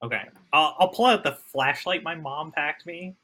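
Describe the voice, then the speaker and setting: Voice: medium pitch, normal speed, bright, forceful tone. A tabletop game player speaking in character, with a complaining, whiny manner.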